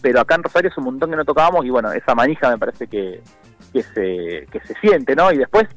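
A man, a murga member chatting as a guest, relaxed and rambling with many fillers and restarts. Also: mid-range voice, fast talker, no echo, faint music behind, low-quality recording. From Argentina. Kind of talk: casual phone interview.

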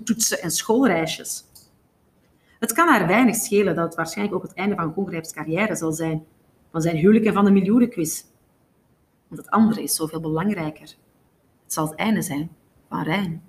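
A woman narrating a novel in a steady, even storytelling manner. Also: mid-range voice. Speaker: audiobook reader.

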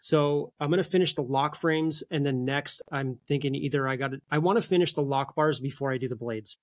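A man with a medium-pitched voice, recorded dry and close. He chats casually as a machinist, thinking aloud through the order of his work. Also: no room sound. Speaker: machinist making folding knives. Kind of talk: casual shop talk.

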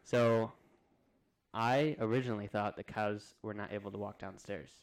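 A young man co-hosting a podcast, telling a funny family story in a relaxed, laughing way. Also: on the low side, moderate pace. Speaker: podcast co-host. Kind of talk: casual chat.

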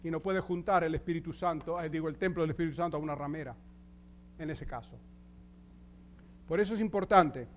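A male pastor giving an emphatic sermon in a high, bright voice. He addresses the congregation directly with questions, and a faint hum lingers in the background. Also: fairly quick, long pauses.

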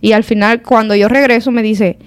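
A woman, chatting as a podcast guest and telling lively stories. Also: on the high side, normal speed, slight background noise. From Central America. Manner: animated storyteller, quotes others in lively voices. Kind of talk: casual conversation.

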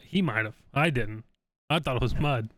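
A man's voice: mid-range voice, moderate pace, fairly bright tone, dry recording. A man co-hosting a podcast in laid-back casual chat with dry humor. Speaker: podcast co-host.

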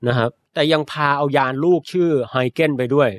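A man's voice: mid-range voice, normal speed, no room sound. A young Thai man co-hosting a podcast, casually explaining science news in a chatty, explanatory way. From Thailand. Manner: explanatory, chatty, adds polite particles.

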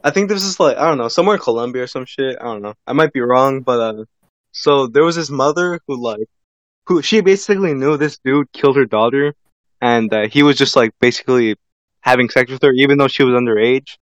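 A man's voice: mid-range voice, a little fast, no room sound. A man co-hosting a podcast who tells long, rambling stories in casual chat, peppering them with "like" and "bro.". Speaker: podcast co-host. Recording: dry, dull lo-fi sound.

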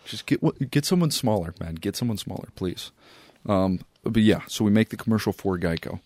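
A man co-hosting a podcast in casual comedic chat, joking and laughing as he pitches absurd ideas. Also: expressive, fairly quick, a little mellow, no room sound. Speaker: podcast co-host.

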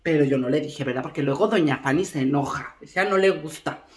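A woman's voice: low voice, a little fast, reverberant, lightly acted. Chatty gossiping mom, as a woman plays her. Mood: gossipy. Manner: chatty, rambling, keeps asking "¿eh?" and "fíjate". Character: gossipy middle-aged Mexican mom lecturing family. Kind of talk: comic character monologue.

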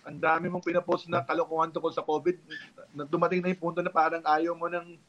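A man with a high voice chats in a podcast, telling stories in an animated way and hurrying when he presses a point. The recording is dull and lo-fi. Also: fast. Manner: animated storyteller, speeds up when insisting. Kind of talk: casual chat. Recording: dull lo-fi sound.

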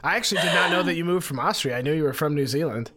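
A man hosting a comedy podcast in a relaxed, chatty way, laughing often. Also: on the high side, very fast. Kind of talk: casual podcast chat.

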